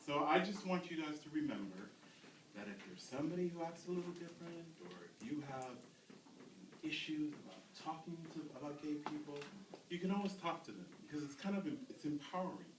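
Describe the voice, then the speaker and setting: A man's voice: on the high side, lively intonation, fairly quick. Man speaking to a class in a roomy space. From United States. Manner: storytelling, asks the audience questions. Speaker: community speaker. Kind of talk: talk to a youth class. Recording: roomy, from a distance, faint noise.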